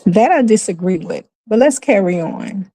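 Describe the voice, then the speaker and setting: A woman's voice: medium pitch, expressive, moderate pace, mellow, no echo, poor audio. A woman talking through a casual monologue, emphatic and repeating phrases to drive points home. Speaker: commentary vlogger.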